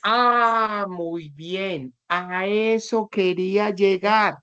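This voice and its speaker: Hombre, profesor, clase en línea, cuenta anécdotas con voces de alumnos, sonido apagado. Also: male voice, high voice, very slow, sharp tone, clean tone, muffled recording. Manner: patient, acts out students in anecdotes. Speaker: teacher. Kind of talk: online class, explaining to students.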